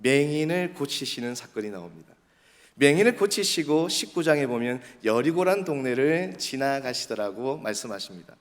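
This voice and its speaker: A man with a Daegu Gyeongsang accent preaching an animated revival sermon in a church, leading the congregation in call-and-response. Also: mid-range voice, moderate pace. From Daegu, South Korea. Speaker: pastor. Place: church sanctuary. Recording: long church hall reverb.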